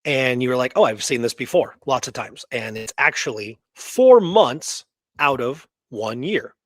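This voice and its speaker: Mid-range and a bit bright, this man's voice has lively intonation and a measured pace, recorded without echo. As co-host of a relaxed history discussion, he presents his research notes in a chatty way, frequently making sure his listener keeps up.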